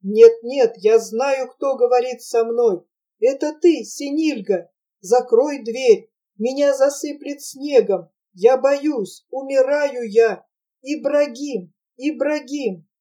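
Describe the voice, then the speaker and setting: A troubled young man, agitated and defiant, in a slightly lowered, dark voice, as a woman reader puts him on. He speaks slowly in a storybook reading. The mic sounds a little far off. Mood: frightened. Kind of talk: audiobook character voice.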